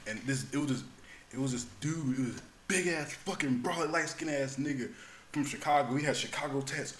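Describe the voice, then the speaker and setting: Brief: man, podcast co-host, bright storyteller, echoey room, faint hiss. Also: mid-range voice, brisk. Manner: storytelling, acts out yelling voices. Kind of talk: casual podcast chat.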